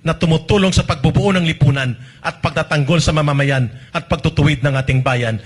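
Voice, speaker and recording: Male speaker, husky, slightly high, declamatory and lecturing. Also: a little fast. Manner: forceful, lecturing. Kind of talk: declamatory speech.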